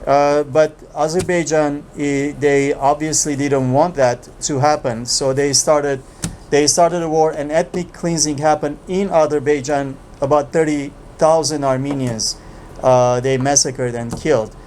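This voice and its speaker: A man hosting an unscripted discussion, explaining and asking questions in a halting way with frequent pauses. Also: fairly high pitch, fairly even intonation, darkish tone, slight background noise. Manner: halting, pausing often mid-sentence. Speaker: talk show host.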